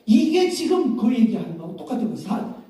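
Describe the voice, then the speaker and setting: A male pastor with a high, dark and mellow voice preaches in a loose, conversational way and slips into the voices of the people in his story. He is recorded from a distance, and a long, roomy echo of the church hall hangs on every word. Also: very animated, fast talker. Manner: casual storytelling, acting out quoted voices. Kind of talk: sermon. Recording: echoey hall, mic far off.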